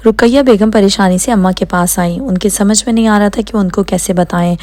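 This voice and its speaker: A woman's voice: medium pitch, a little mellow. A woman narrating a novel as an audiobook, reading every character's lines herself and changing her tone for the dialogue.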